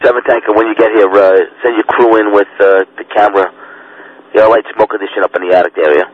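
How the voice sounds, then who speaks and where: A man's voice: on the low side, fairly even intonation, fast. A man speaking over a walkie-talkie as a fire command officer, giving terse, clipped radio calls with brief hesitations. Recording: noisy phone-like two-way radio.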